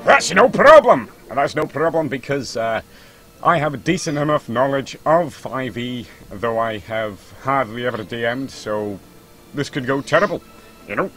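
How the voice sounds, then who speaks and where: A man's voice: mid-range voice, moderate pace, a bit bright, soft background music. A man running a tabletop game as game master, talking casually with many hesitant fillers.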